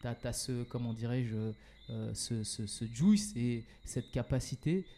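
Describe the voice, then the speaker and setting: A man with a warm, mellow voice speaks in a relaxed, casual interview. He talks hesitantly, with frequent fillers and restarts, and drops English words into his sentences. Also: medium pitch, a little slow, slight background noise. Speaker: guest, event organizer and entrepreneur.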